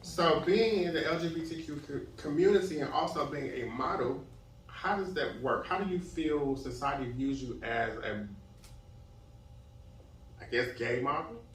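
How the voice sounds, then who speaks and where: A man's voice: a little high, normal speed, a bit bright, a little hiss or hum. A man hosting a casual talk show and introducing guests in a loose way. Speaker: host. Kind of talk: hosting a chat. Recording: echoey room, far from the mic.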